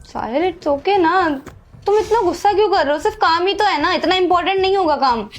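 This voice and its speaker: A woman's voice: extremely high pitch, animated, fairly quick, faint music behind. A young woman acting a selfish, dismissive wife who left her husband, pleading with her boyfriend in a dramatic short film. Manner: dismissive, pleading, mixes English phrases. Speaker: actress playing Rubika, an unfaithful wife.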